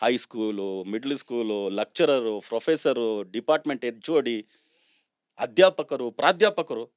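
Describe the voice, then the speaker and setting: A man's voice: medium pitch, animated, unhurried, no echo, muffled recording. A man explaining numerology as a guest on a talk show, speaking animatedly, laughing often and mixing in English words. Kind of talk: conversational explanation.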